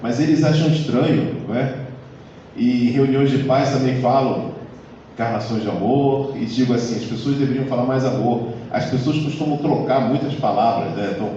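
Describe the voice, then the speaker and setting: A man's voice: medium pitch, dark tone, slight background noise. A man giving a live lecture to an audience, talking conversationally and often adding tag questions. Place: lecture hall of a community center. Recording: echoey hall recorded from far off, dull sound.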